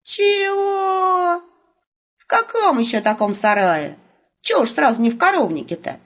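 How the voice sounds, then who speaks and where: A woman reading an audiobook and voicing a blunt, quick-tempered young man known as the Wolf. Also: high voice, big pitch swings, pitched above the performer's own voice. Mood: gruff. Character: blunt, grumpy young male companion called the Wolf. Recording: muffled lo-fi recording.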